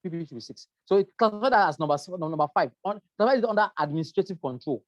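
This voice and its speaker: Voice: mid-range voice, expressive, rapid-fire, dry recording. Safety trainer lecturing through slides in a dry, close sound; emphatic and repetitive, hesitant with um. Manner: emphatic, repeats key points, frequent um fillers.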